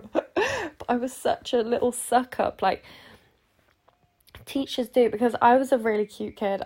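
With a creaky, slightly mellow voice on the high side, an eighteen-year-old from Sheffield, England, runs a rambling, casual podcast chat, full of giggly asides and moments where she interrupts herself.

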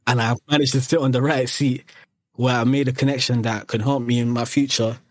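A man's voice: medium pitch, flat delivery, fairly quick, no echo. A young man from Eritrea and Sudan, telling rambling anecdotes in casual chat with many restarts. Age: young adult. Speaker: podcast guest.

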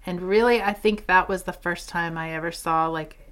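A woman co-hosting a podcast, chatting casually about a film in an animated, exasperated way and laughing often. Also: fairly low pitch, normal speed. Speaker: podcast co-host. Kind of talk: casual chat reviewing a film.

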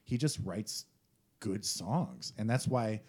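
A man's voice: fairly low pitch, animated, takes it slowly, darkish tone, slightly rough. A man talking casually and enthusiastically about music, rambling with frequent restarts.

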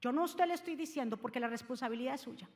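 A woman pastor giving an impassioned sermon, swinging between loud exhortation and quiet asides. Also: high voice, very fast, long reverb tail. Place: church sanctuary.

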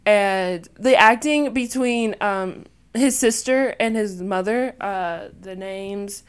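Woman, podcast co-host, casual chat, stumbles over names, laughs a lot, mid pitch. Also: slow, clean tone.

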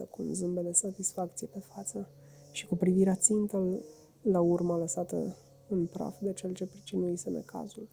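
A woman narrating a children's classic in an expressive storytelling manner. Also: medium pitch, gravelly, breathy edge. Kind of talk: audiobook narration.

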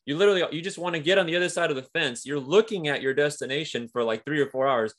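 A man's voice: on the high side, fast, a bit bright. A man guesting on an interview, talking about his work as a comic writer in a casual, rambling way with many fillers. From Mexico–US border region.

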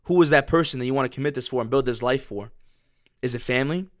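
A man's voice: mid-range voice, fast, no echo, studio quality. A young man giving a blunt, profane motivational pep talk, pushy and repetitive. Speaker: motivational speaker.

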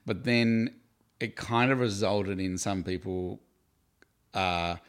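A man's voice: fairly low pitch, slow pace, clean tone. An Australian man from Tasmania, around his forties, a guest in an interview who tells his own stories chattily and with self-deprecating laughs. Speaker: campus ministry worker, guest. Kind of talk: casual interview storytelling.

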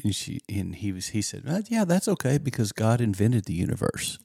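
Male co-host, very low gravelly voice, dark tone, lively storyteller for faith podcast. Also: brisk, no echo, studio quality. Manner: animated storyteller, acts out quoted lines. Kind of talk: casual faith chat.

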